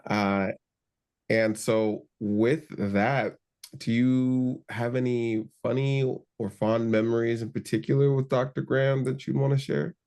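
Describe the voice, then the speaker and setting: Male podcast host, gravelly voice, friendly, relaxed. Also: medium pitch, measured pace. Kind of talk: casual podcast interview.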